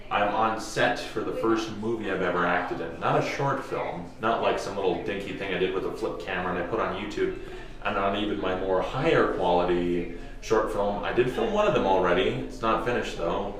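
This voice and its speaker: A man with a low, slightly bright voice rambles casually to camera while filming a vlog on set as an actor, cracking jokes and swearing. He holds the action camera himself in small, echoey closet and hotel rooms, with busy crowd noise around.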